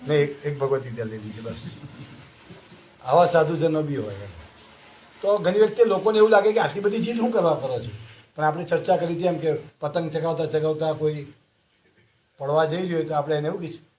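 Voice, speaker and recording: A man's voice: fairly high pitch, a little fast, darkish tone, a little hiss or hum. A man gives a devotional scripture class in a slightly raised voice. He moves through short stories and keeps asking his listeners questions, as a teacher speaking to a gathered group would. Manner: storytelling with frequent rhetorical questions to the audience.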